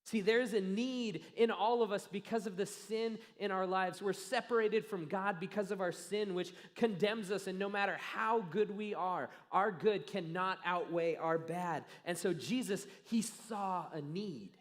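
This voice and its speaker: A pastor preaching a sermon, telling a story earnestly with dramatic pauses that trail off softly. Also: male voice, high voice. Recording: long reverb of a church hall.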